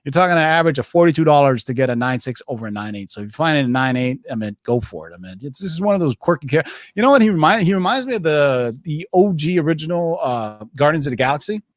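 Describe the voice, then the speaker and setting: Animated man hosting a livestream giveaway, hyped. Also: on the high side, fast, hardly any pauses, no room sound, clean studio sound. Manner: salty, jokey, informal address. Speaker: livestream host. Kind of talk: casual comic-book livestream chat.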